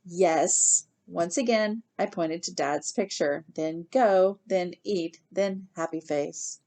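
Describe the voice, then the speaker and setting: A woman reading a novel aloud in the first person, with lively, expressive storytelling. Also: fairly low pitch, slow pace, vocal fry. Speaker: reader.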